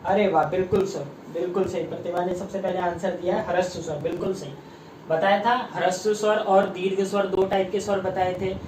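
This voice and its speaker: A man's voice: sits high, little pitch movement, a little fast, darkish tone, slight background noise. A man teaching an exam-prep lesson online, asking his students questions again and again and reading out their comments. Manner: drills students with repeated questions, reads out comments. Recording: echoey room, mic at a distance.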